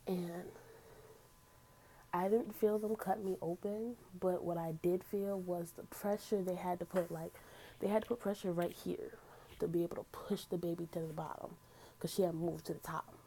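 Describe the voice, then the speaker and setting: A young woman talks straight to the camera in a casual storytime vlog, candid and earnest as she recounts events. Her voice sits a bit low and sounds warm and mellow, with a faint hiss of background noise underneath. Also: fairly even intonation, moderate pace, low-quality recording. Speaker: vlogger.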